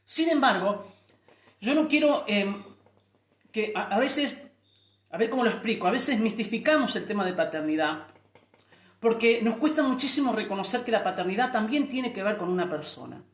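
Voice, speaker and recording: A man's voice: high-pitched, animated, normal speed, reverberant. A middle-aged man preaching a sermon, earnest, often repeating words and restarting before lifting his voice on key phrases.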